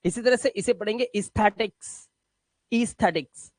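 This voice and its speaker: Man, high voice, slow pronunciation drill, dry close sound. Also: expressive, dry recording. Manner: repeats words slowly, drills with frequent "theek hai?". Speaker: English pronunciation teacher. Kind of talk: classroom lesson explaining to students.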